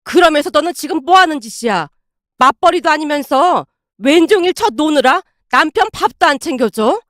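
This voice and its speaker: A woman's voice: high-pitched, lively intonation, fairly quick, dry recording, clean studio sound. A woman voicing an older mother-in-law who scolds her daughter sharply. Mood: scolding.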